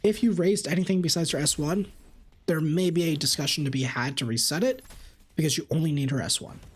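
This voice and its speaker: This man live-streams a game, reading questions from chat aloud and answering them with animation. His slightly raspy voice sits on the high side.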